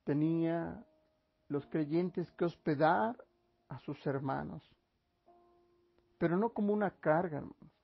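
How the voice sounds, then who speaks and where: Man, pastor, sermon, slightly high gravelly voice, dull lo-fi church recording, faint instrument behind. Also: soft background music. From Mexico. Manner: slow emphatic preaching, often addresses listeners as brothers.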